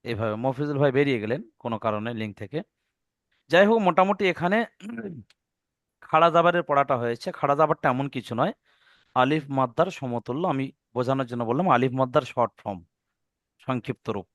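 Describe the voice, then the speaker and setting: Male reading teacher, online class; patient, spells everything out, stretches recited words. Smooth, clear voice, dry sound. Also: medium pitch, fairly bright tone, dry recording, muffled recording. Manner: patient, spells out letters and vowel marks step by step; draws out recited words slowly.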